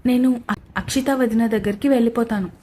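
A mischievous, sulky young bride, whiny and quick-tongued, as a woman storyteller puts her on. Her voice rises high and rushes along. It is a storybook reading. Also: steady tone, warm tone, slight background noise, close to an everyday voice.

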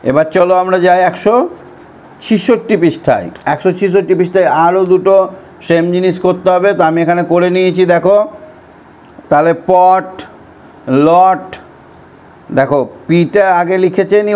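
A male primary school teacher from West Bengal, India, drills words and sentences for young children in an online lesson. He speaks slowly and patiently in a high, slightly mellow voice.

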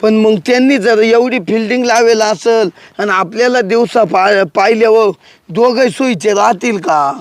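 A coaxing young village lover. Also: male voice, high voice, moderate pace, no echo. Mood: pleading. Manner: coaxing, pleading, excitable. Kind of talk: village comedy sketch acting.

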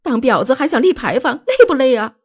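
Woman playing shrill hysterical young wife. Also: sing-song, fairly quick. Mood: shrill hysteria. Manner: shrill, screaming accusations.

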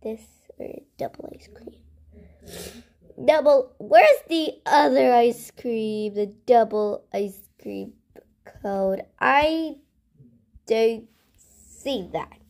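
She hosts a gaming channel, casually talking through her gameplay in a fairly high voice. Slow and hesitant, she thinks aloud, often letting her sentences drift off into soft murmurs.

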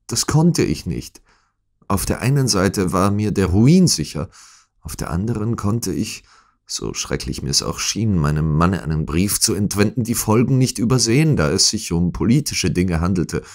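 A man's voice: on the low side, darkish tone, pitched above the performer's own voice. Man voicing a pleading distraught noblewoman. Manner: pleading, breathless, emotional. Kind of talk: audiobook character reading.

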